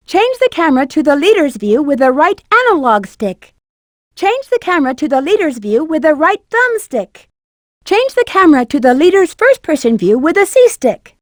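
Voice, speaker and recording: A woman's voice: high-pitched, big pitch swings, normal speed, dry recording, clean studio sound. A woman playing a sly, confident, flirtatious female bat treasure hunter in a video game. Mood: instructive, poised. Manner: sassy, flirtatious, self-assured. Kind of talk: video game character voice lines.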